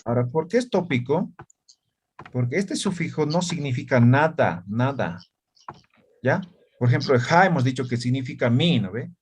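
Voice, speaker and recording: A man's voice: mid-range voice, animated, moderate pace, a little hiss or hum. A man teaching an online language class, explaining patiently and checking often that students follow.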